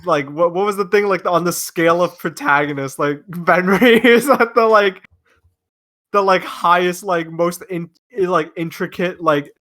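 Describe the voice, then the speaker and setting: High-pitched man rambling casually. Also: unhurried, sharp tone. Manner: rambling, many fillers. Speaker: cast member on commentary. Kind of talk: casual commentary chat.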